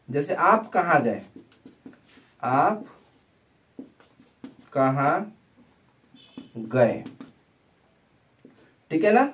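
A high-pitched man, sounding far from the mic, gives a classroom lesson in Hindi explaining English grammar tenses. He talks slowly and repetitively, repeatedly asking questions and then answering them himself.

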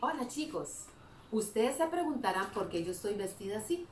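Animated school teacher. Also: female voice, medium pitch, normal speed, soft background music. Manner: animated storytelling, asks children questions. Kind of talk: children's Bible story lesson. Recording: roomy echo, distant mic, faint background hum.

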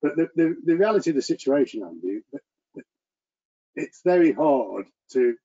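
A man presenting to an engineering meeting over a video call, talking earnestly in a monotone with frequent restarts. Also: a little high, normal speed, slightly rough. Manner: self-described monotone delivery. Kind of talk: online presentation and Q&A. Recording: muffled lo-fi video call audio.

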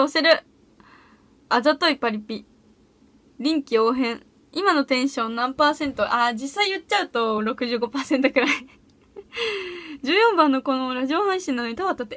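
On her solo audition livestream, a teen girl chats casually from a small room at home. Her voice is high-pitched with a fairly bright tone, and she giggles bubbly reactions to what viewers comment.

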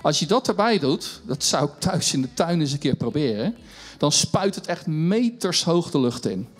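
A man's voice: on the high side, big pitch swings, normal speed, slightly rough, faint music behind. A middle-aged man presenting a children's church show on a stage, chatty and encouraging as he runs a science demo, speaking into a handheld mic. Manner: chatty and upbeat, encouraging, self-mocking.

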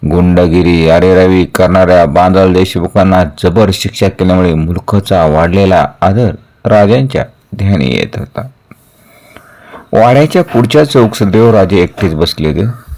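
A man reads a historical novel aloud, telling it in a steady and earnest way. His voice sits fairly low. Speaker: storyteller.

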